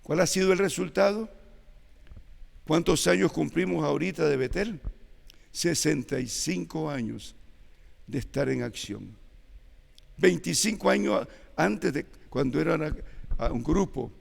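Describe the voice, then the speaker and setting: Gravelly eighty-year-old preacher. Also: male voice, on the high side. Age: 80s. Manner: slow, measured preaching with emphatic rises. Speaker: church elder preaching. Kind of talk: sermon. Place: church sanctuary. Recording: long hall reverb in church.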